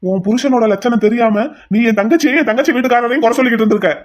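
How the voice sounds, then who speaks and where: A performer voicing a hot-tempered man in a cartoon drama, shouting at some moments and pleading tearfully at others. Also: medium pitch, very fast, lightly acted. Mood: accusing. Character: hot-tempered man, desperate brother turned penitent. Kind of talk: cartoon voice acting.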